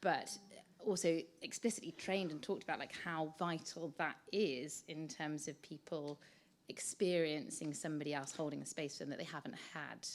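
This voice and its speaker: Woman, therapist, low voice, hedging, searching phrasing, audience question. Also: fairly even intonation, moderate pace. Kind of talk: audience question at a professional event.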